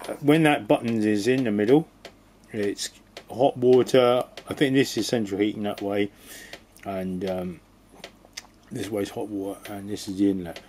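A man's voice: lowish voice, moderate pace, a little mellow, slight background noise. A man giving a rambling, casual walkthrough of a boiler repair, often restarting his sentences and adding jokey asides. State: cold. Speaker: DIY video host.

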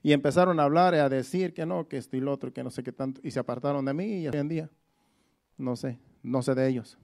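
A man's voice: mid-range voice, quick pace, vocal fry, a little mellow. A middle-aged man preaching in a church, telling his own story in a conversational way with frequent restarts and repeated words. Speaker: preacher giving testimony. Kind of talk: sermon testimony. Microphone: sermon recording.

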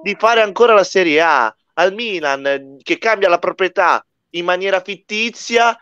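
Italian guy ranting about football, kinda high voice, dull dry recording. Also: lively intonation, moderate pace, pushed and bright, smooth, no room sound. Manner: sarcastic ranting, laughs often. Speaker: co-host of a live match reaction. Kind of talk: casual banter over a football match.

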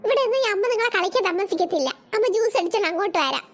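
A woman's voice: extremely high pitch, animated, rapid-fire. A woman voicing a young aunt in a cartoon, who fusses over children and coaxes them along. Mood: coaxing. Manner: coaxing, fussing over children. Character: fussing, coaxing young aunt and mother. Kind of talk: cartoon voice acting.

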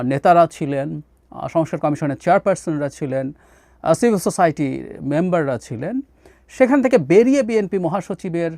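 Male commentator, lively pitch, fairly high voice, dry close sound. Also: no echo. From Bangladesh. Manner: animated, drops into English phrases, many "ah" fillers. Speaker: political commentator. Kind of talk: solo political commentary.

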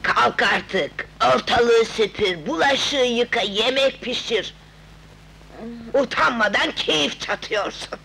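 An actress playing a spiteful, nagging aunt who scolds sharply, in a 1970s dubbed film. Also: female voice, a little high, lively intonation, slow pace, gravelly, sharp tone, slightly rough, exaggerated voice, poor audio. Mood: scolding.

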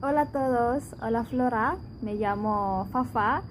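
A woman in her twenties from Indonesia, a Spanish teacher, answering interview questions thoughtfully in her learned Spanish with pauses. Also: fairly high pitch, slight background noise, poor audio. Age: 20s.

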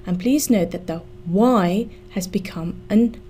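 A woman giving a scripted English grammar lesson, spelling out letters slowly and carefully. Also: mid-range voice, mellow, slight background noise.

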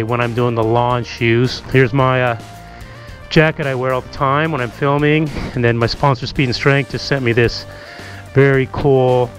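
A man in middle age giving a casual, relaxed tour of his home garage, talking through a helmet-mounted camera mic with lots of ums and asides. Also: medium pitch. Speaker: motovlogger.

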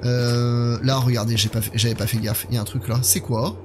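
A man in his thirties streams a horror game, talking casually to his viewers as he plays. His voice sits at an ordinary pitch for a man. Game ambience is clearly audible behind him. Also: flat delivery, a little fast, noisy background. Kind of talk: casual live gameplay commentary, chatting with viewers. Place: indoor gaming setup.

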